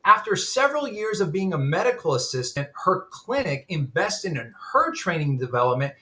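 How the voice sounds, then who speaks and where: Earnest man, admissions executive guest, bright forward tone. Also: on the high side, big pitch swings, moderate pace. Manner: earnest storytelling. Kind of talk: casual webinar interview.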